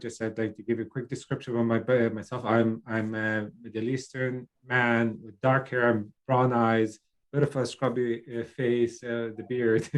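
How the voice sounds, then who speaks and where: Sitting in a child's bedroom on a video call, a middle-aged man from Lebanon kicks off a webinar as its program manager. His mid-range voice stumbles along with frequent fillers and restarts.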